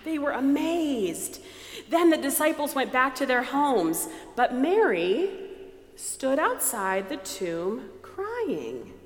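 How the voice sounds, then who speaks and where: A woman leading a dramatized scripture reading, animated and prompting listeners to join in. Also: high-pitched, slow pace. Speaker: lead reader. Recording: echoey hall with long reverb.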